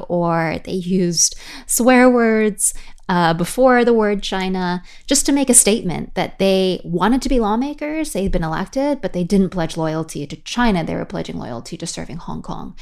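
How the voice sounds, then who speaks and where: A woman correspondent explaining events in a measured way on a news podcast. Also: medium pitch, darkish tone. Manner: measured, explanatory, occasional restarts. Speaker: correspondent guest.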